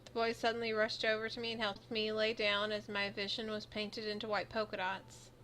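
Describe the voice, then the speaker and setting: A young adult woman streamer reading a visual novel aloud, expressive as she voices the heroine and reacts. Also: mid-range voice, brisk, a little hiss or hum.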